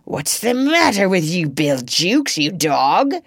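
A woman's voice: mid-range voice, big pitch swings, slow, a bit bright, no echo, studio quality, pitched above the performer's own voice, full character voice. A woman voicing a sardonic male pirate captain in a storybook reading, theatrical and full of mock-pleasant menace. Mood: menacing. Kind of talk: storybook narration character voice.

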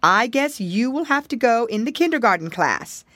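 A woman voicing a stern little ladybug schoolteacher in a storybook, speaking slowly and firmly. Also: a little high, lively intonation, a bit bright, no echo, voice pushed up. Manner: slow, firm, commanding.

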